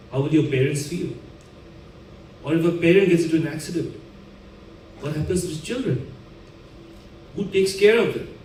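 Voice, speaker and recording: A man's voice: on the high side, darkish tone, a little hiss or hum. A man teaching a class, explaining ideas step by step and checking in with the students as he goes. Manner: asks the class questions, checks understanding with "right?". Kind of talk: classroom lecture. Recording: echoey classroom recorded from far off.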